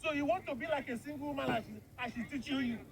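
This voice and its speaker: A man's voice: very high-pitched, fast, noisy background. A man playing a scolding husband. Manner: lecturing, reproachful. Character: stern husband scolding his wife.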